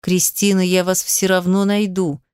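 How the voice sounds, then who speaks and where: Female narrator doing an insistent king calling out, smooth clear voice, dry sound. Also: fairly low pitch, flat delivery, moderate pace, darkish tone, dry recording, lightly acted. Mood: commanding. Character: commanding middle-aged male king in pursuit.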